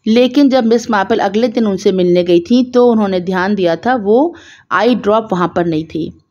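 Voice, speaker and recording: A woman retells a detective story in a relaxed, conversational way, adding small explanatory asides as she goes. Her voice sits at an ordinary middle pitch. The recording is a little dull and lo-fi. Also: normal speed.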